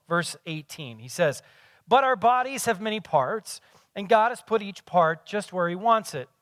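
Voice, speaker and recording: A man's voice: sits high, fairly bright tone, dry recording. A pastor in his forties giving a conversational sermon with self-deprecating humor. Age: 40s.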